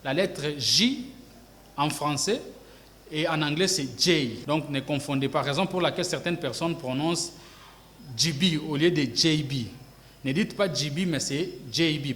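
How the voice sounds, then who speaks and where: A man's voice: on the high side, fairly bright tone. A man teaching a language lesson, explaining each point carefully and repeating it in two languages. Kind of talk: bilingual classroom explanation. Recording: long reverb with faint hiss.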